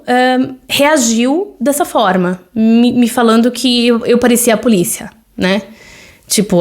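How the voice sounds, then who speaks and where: Her voice is fairly high with a darkish tone, and her Brazilian Portuguese accent marks her as the Brazilian woman in her thirties who hosts this solo podcast. She speaks in a loose, chatty way, full of fillers and tag questions.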